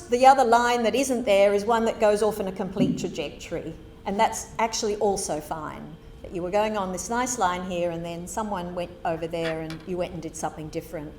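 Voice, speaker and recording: A woman's voice: lowish voice, darkish tone, slight background noise. Candid middle-aged woman giving a lecture. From Zimbabwe. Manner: candid, conversational storytelling. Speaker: guest lecturer. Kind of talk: public lecture. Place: lecture hall. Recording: roomy hall with faint ambience.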